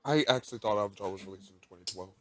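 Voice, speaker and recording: A man co-hosting a casual animation podcast, teasing his partner and breaking into animated bursts of emphasis. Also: lowish voice, racing, dry recording. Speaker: podcast co-host. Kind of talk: casual chat.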